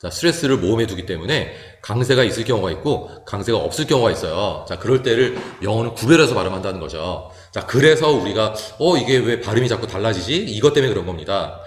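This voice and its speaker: A man teaching an English phonics lecture, explaining step by step and sounding out example words slowly. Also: lowish voice, expressive. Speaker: high school English teacher. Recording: echoey hall with long reverb.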